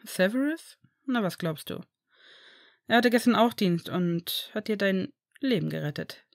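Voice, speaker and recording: A woman voicing a young male healer who scolds his injured friend in a brisk, worried way, read from a fan fiction story. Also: mid-range voice, expressive, no echo, studio quality. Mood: scolding.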